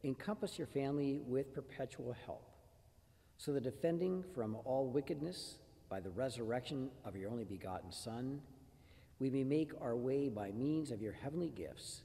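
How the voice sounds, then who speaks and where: A man leading Mass as a priest, reciting prayers and readings in a measured, solemn way. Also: medium pitch, lively intonation, gravelly, warm tone. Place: church. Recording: echoey church from a distance.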